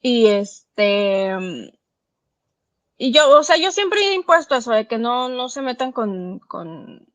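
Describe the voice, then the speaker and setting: A woman's voice: on the high side, animated, slow pace. A woman, a mother co-hosting a podcast, giving her opinions frankly and firmly in casual chat.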